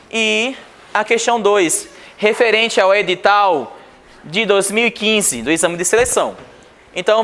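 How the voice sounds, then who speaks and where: A man from Brazil teaching a Portuguese exam review class. He asks the class questions and answers them himself, and reads passages slowly. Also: sits high, a bit bright.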